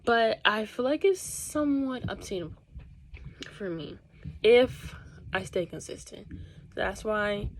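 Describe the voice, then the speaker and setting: A young woman YouTuber talking casually to her camera. She talks fast and sometimes stumbles over her words. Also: mid-range voice, lively intonation, a little hiss or hum. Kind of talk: casual vlog talk to camera. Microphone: camera set across the room.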